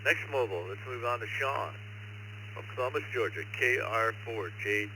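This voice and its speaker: A man's voice: medium pitch, moderate pace, bright, forceful tone. A man working as net controller, running an amateur radio check-in net in a courteous, procedural way over two-way radio. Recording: very noisy ham radio link.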